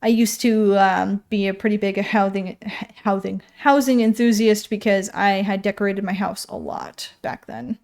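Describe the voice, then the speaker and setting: A woman's voice: medium pitch, steady tone, moderate pace, hardly any pauses, a little mellow. A woman streamer casually chatting while reading game patch notes, rambling and correcting herself as she goes. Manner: rambling, self-correcting, thinking aloud.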